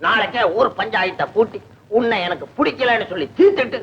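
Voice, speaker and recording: An exasperated, mocking young groom. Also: male voice, high-pitched, lively intonation, brisk, gravelly, fairly bright tone, slight background noise, exaggerated voice. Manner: exasperated, mocking, cries of dismay. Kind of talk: 1970s film comedy dialogue. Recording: dull old film soundtrack with music.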